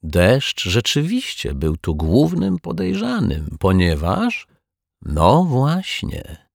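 A man's voice: medium pitch, huge pitch swings, takes it slowly, gravelly, breathy edge, no room sound, studio quality. A man reading a children's detective story aloud with a playful, swooping delivery. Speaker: audiobook narrator. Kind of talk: expressive storybook narration.

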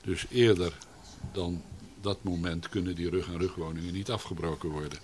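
Low-voiced hesitant man, interview guest. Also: steady tone, normal speed, a little mellow, a little hiss or hum. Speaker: local alderman as radio guest. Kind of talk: radio interview answers.

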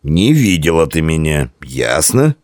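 A man plays a sturdy thirteen-year-old boy with a deep, bass voice. He sounds sleepy and gruff, keeping his answers short. It is a storybook reading in a dry recording. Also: big pitch swings, darkish tone, dry recording, exaggerated voice. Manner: slow, gruff, laconic.

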